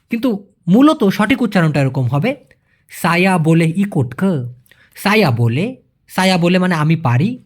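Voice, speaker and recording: Man explaining a lesson, lively pitch. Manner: explains patiently, repeats phrases slowly, asks "clear?". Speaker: language teacher. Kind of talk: casual spoken language lesson.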